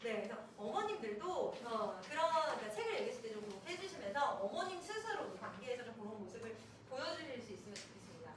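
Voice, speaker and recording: A woman's voice: fairly high pitch, very animated, fast talker, few pauses, background noise. A woman presenting at an admissions session for parents, talking animatedly and acting out children's and teacher's lines. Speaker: education center presenter. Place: room at an info session. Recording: echoey room, voice from a distance.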